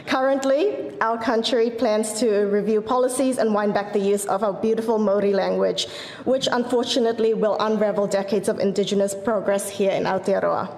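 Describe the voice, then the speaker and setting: A woman's voice: medium pitch, fairly even intonation, a little fast, a little mellow, slight background noise. A woman judge giving an earnest, encouraging award speech on stage, opening with a formal greeting in Māori. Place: large event hall. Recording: echoey hall with long reverb.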